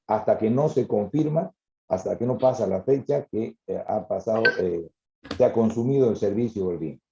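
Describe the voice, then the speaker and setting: A man's voice: on the low side, normal speed, vocal fry, roomy sound, lo-fi sound, noisy background. A man teaching an accounting class, explaining patiently and checking that students follow. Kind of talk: classroom lecture.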